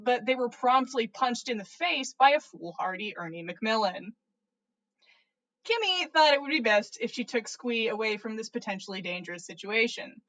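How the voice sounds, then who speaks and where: On a rough recording, a podcast host reads listener fan fiction aloud during a livestream, her voice a little high and a bit bright. It's an animated story reading, theatrical and playful, full of stumbles and swearing.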